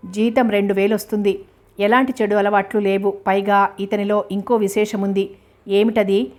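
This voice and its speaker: A talkative old matchmaker pitches a groom with eager, persuasive chatter, as a woman reads his lines in a storybook. The pitch stays level and even, with little rise and fall. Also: close to an everyday voice. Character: talkative older male marriage broker.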